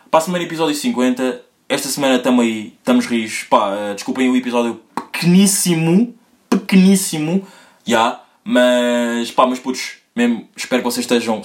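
A young man hosting a solo podcast in a rambling, slangy, casual way, his pitch jumping up when he gets excited. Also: normal speed. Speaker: podcast host.

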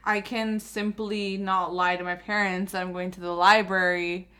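A woman's voice: flat delivery, normal speed, a bit bright. Chatty young woman co-hosting a podcast. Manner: chatty, many filler "like"s; acts out quoted relatives in a higher voice. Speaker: podcast co-host. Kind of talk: casual chat.

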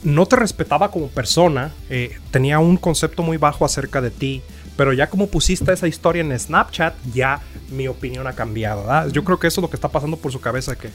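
A young man with a Mexican accent trades quick, slang-heavy banter in casual chat, swearing as he goes. His voice is slightly high and his pace is fast. Faint music runs behind him. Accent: Mexican Spanish.

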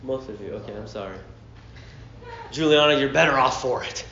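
A man preaching a sermon to a youth group, acting out a story with lively voices and slaps. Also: medium pitch, normal speed, slight background noise. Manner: animated storyteller, acting out scenes. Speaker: pastor. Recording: roomy, dull lo-fi hall.

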